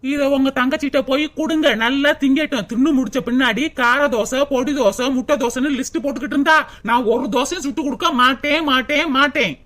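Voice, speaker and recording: A crafty young cartoon wife, voiced by a woman, snaps at her husband in a high voice with a Tirunelveli Tamil accent. She sounds fed up and sulky. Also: fast, few pauses, a bit bright. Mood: sharp.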